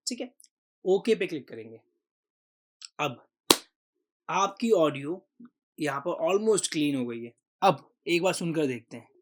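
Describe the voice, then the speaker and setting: A man hosting a software tutorial, patiently explaining each step and mixing in English terms. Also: on the high side. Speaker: tutorial host. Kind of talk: screen-recorded software tutorial.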